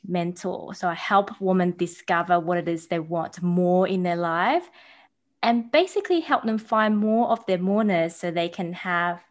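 A woman in her thirties from Taiwan with an Australian-tinged accent, chatting as a podcast guest in a bubbly, animated way. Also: on the low side, a little slow. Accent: New Zealand and Australian. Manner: bubbly and animated, acting out quoted voices. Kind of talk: casual interview chat.

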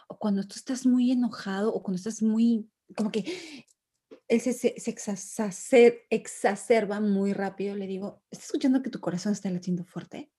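A woman in casual conversation, telling stories about raising her children and acting out what they say. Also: medium pitch. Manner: animated storyteller who acts out her children's lines. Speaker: mother sharing parenting stories. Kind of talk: casual chat.

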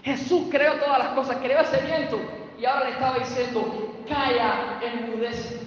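A man from Cuba, speaking with a Cuban Spanish accent, preaches a sermon and retells scripture scenes in his own words with vivid storytelling. His voice is very high, his tone steady and his pace fairly quick. The recording sounds dull, with a distant mic in an echoey hall.

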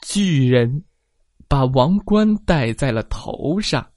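Slow animated children's storyteller. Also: mid-range voice, no echo, clean studio sound. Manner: slow, animated, with sound effects.

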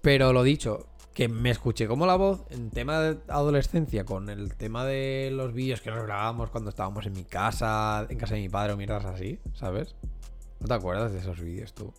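A man's voice: fairly low pitch, fairly quick, soft background music. A young man, co-hosting a podcast in casual, rambling, profane chat full of fillers and restarts. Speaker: podcast co-host.

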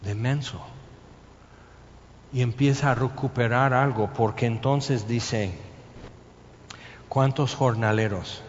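A man preaching a sermon, telling the story lively and acting out scenes and sounds. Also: mid-range voice, slow pace, long pauses. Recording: muffled sound in a reverberant hall with faint noise.

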